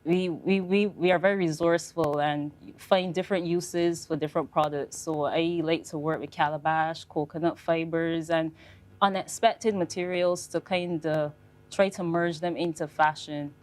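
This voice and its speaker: Young woman, low voice, measured panel speaker. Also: steady tone, darkish tone. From Barbados. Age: young adult. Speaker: fashion designer on a panel. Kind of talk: panel talk.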